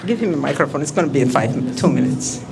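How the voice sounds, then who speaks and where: A woman's voice: low-pitched, lively intonation, fast talker, vocal fry, heavy background noise. A woman leading a youth workshop, giving directive instructions for a breathing exercise.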